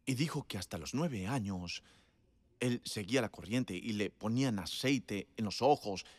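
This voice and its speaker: A man's voice: lowish voice, expressive, moderate pace, dry recording. A man preaching a sermon in a conversational storytelling way, emphatic and laughing often.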